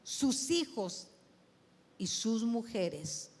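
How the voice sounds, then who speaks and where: A woman pastor delivers a sermon at an unhurried pace. She retells the story conversationally, doubling back and repeating words as she goes. Her voice carries a long, lingering reverb from the church sanctuary. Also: on the high side, sing-song, a little mellow, breathy edge. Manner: storytelling, with repetitions and restarts.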